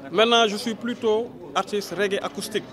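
A Senegalese rapper and reggae artist in his thirties chats loosely in a casual interview, ending phrases with "quoi." His voice sits high and moves a little fast, with outdoor crowd chatter behind him.

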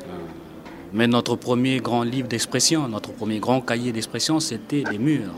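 A man from New Caledonia, an author, talking thoughtfully in an interview with hesitant pauses. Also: medium pitch, crowd noise. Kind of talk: reflective interview talk. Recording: outdoor background noise.

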